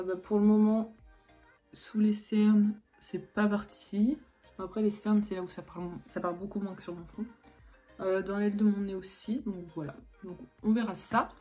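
A young French beauty vlogger, with a fairly low and mellow voice, gives a casual makeup tutorial over faint background music. She keeps correcting herself and restarting, leaning heavily on fillers as she chats.

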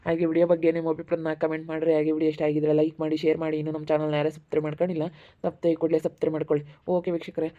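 Lady narrating, deep flat voice, rattles along fast, tinny phone sound. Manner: scolding, rapid. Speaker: channel narrator. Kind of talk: casual commentary.

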